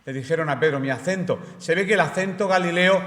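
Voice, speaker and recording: Bright-voiced man preaching in a church. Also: high voice, fast. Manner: explanatory, asks the congregation rhetorical questions. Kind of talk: sermon. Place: church hall. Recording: roomy church hall reverb.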